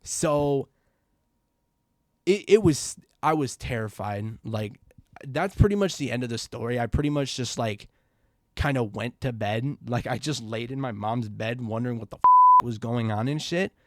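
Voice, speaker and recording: A man's voice: a little slow, no room sound, studio quality. A young man telling a scary childhood story to his viewers in a casual, slangy way, calling them bro and you guys and swearing. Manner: quiet and low at first, grows loud and excited.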